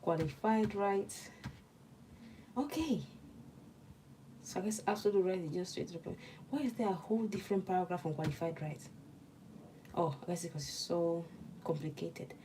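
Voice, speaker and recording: Slight background noise and poor audio surround a mid-range, somewhat mellow female voice. It belongs to a young adult Nigerian law student with a Nigerian accent, murmuring her notes and chatting with her livestream viewers while she studies casually.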